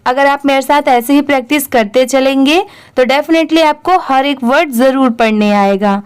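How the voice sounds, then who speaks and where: High-voiced woman teaching English reading. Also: moderate pace. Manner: patient, repeats each word after spelling it out; asks questions to the viewer and answers them herself. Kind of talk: online reading lesson, spelling words letter by letter.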